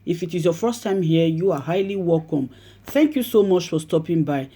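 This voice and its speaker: A woman's voice: lowish voice, animated, moderate pace, dark tone. A woman host greeting viewers politely at the start of a news channel video. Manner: polite, welcoming. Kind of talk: scripted channel intro.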